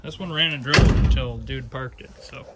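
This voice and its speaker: A man with a Wisconsin accent, talking in a laid-back, bantering way as he tours parts vehicles. His voice sits at an ordinary pitch. The outdoor recording carries plenty of background noise. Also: normal speed. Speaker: auto shop vlogger. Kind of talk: casual walkaround chat. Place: outdoor junkyard lot.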